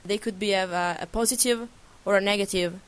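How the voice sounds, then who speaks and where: A woman interviews a group outdoors, her questions halting and full of pauses as she searches for words. Her pitch is mid-level and ordinary. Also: steady tone, smooth.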